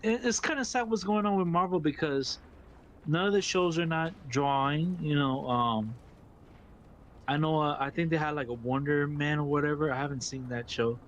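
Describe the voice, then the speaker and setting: A Brooklyn man with a New York accent, chatting on a gaming stream, excitable and laughing, repeating words and calling people "bro". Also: a little high, moderate pace, a little hiss or hum. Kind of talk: casual gaming stream chat.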